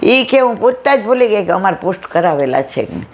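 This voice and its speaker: A woman's voice: medium pitch, big pitch swings, quick pace, a little hiss or hum. A woman giving a devotional satsang talk, telling anecdotes with acted-out dialogue and rhetorical questions. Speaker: satsang speaker.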